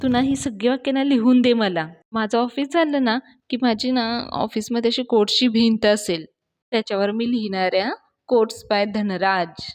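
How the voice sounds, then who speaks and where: A woman's voice: on the high side, normal speed, natural voice. A woman voicing a cheerful young woman who teases affectionately and mixes in English words.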